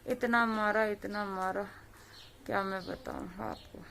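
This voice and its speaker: Woman, Kashmiri accent, slow speech, grieving daughter, faint outdoor noise. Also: mid-range voice, fairly even intonation, creaky. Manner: slow, pleading, rising to forceful demands for justice. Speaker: victim's daughter. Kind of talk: tearful eyewitness account.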